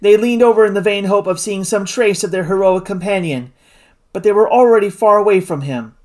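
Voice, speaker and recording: A narrator reading a classic novel aloud in an expressive style. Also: medium pitch, brisk. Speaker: audiobook narrator. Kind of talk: scripted audiobook narration.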